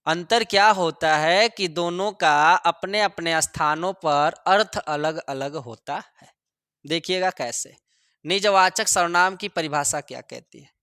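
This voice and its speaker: A male teacher giving a grammar lesson, repeating each example sentence slowly for students to copy. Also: on the high side, bright, forceful tone, smooth, no echo, clean studio sound. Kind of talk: classroom lesson.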